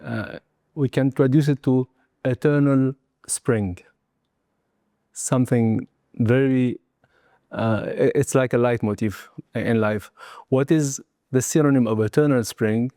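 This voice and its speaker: Speaking slowly in a mellow, relaxed, mid-range voice, a sixty-something martial arts and Qigong teacher from southern Tunisia reflects on his life as an interview guest. Not a native English speaker, he gropes through hesitant, broken sentences that end in little tags. The recording is close-miked with no echo.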